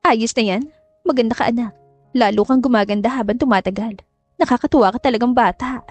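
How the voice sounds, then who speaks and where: A woman's voice: on the high side, fairly quick, dry recording, faint music behind, close to an everyday voice. A woman voicing a cold, manipulative mother who gives curt orders and coaxes her daughter. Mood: coaxing commands. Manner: curt, commanding, coaxing. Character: cold, scheming, chain-smoking mother.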